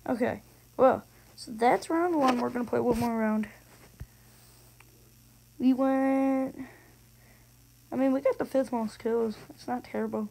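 Slangy and easily frustrated, this gaming host offers casual, excited commentary over gameplay. His medium-pitched voice is a little slow with vocal fry, and he pauses often. Clicks and noise run through the recording.

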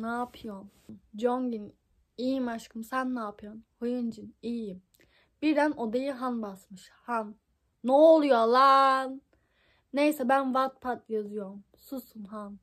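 A woman's voice: fairly high pitch, darkish tone. Amused young woman reading with a scratchy voice. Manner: amused, mocking asides, frequent laughs and stumbles. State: scratchy voice, tickly throat. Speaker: reader of a fan fiction book. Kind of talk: casual reading aloud, commenting and laughing. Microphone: phone.

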